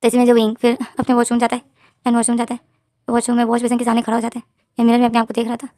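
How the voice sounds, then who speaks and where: A woman's voice: fairly high pitch, monotone, very fast, warm tone, no room sound, clean studio sound. A woman with a Hindi accent retelling a fanfiction story in casual narration, reading out the characters' lines herself.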